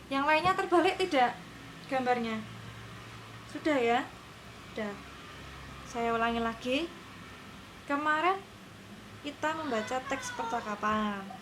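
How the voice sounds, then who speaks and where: A woman's voice: sits high, expressive, measured pace, pauses often, fairly bright tone, slight background noise, low-quality recording. A woman teaching a lesson to her class, explaining patiently and often checking that her students are following.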